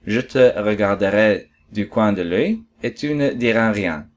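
A man voicing the Fox, wistful and gentle. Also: fairly low pitch, expressive, unhurried. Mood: patient. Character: wistful lonely male fox, gentle and patient.

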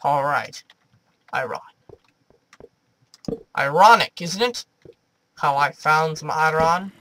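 A man's voice: fairly high pitch, lively intonation, takes it slowly, fairly bright tone, slight background noise. A man doing let's play commentary, jumpy and chatty, talking to the creatures in his game. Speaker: gaming video host.

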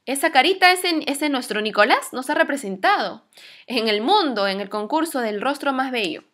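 A woman teaches an English lesson in a light, high voice. She speaks patiently, pausing to stretch out each model word so the class can repeat it. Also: animated, a bit bright.

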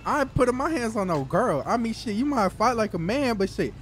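A man improvising street role-play banter in a slangy, profane, excitable way. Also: high-pitched, a little fast, a little hiss or hum. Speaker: gaming streamer playing a street character in online role-play.

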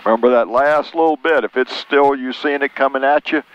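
A man's voice: mid-range voice, brisk. Older male flight instructor on muffled headset. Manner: short, instructive remarks. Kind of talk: coaching during a flying lesson. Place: small light aircraft cockpit. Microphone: aviation headset boom mic. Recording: muffled headset intercom, faint engine noise.

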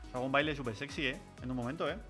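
A man's voice: mid-range voice, racing, fairly bright tone, faint music behind. A man chatting playfully on a livestream, joking and laughing often. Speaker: miniature painting streamer. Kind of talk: casual livestream chat.

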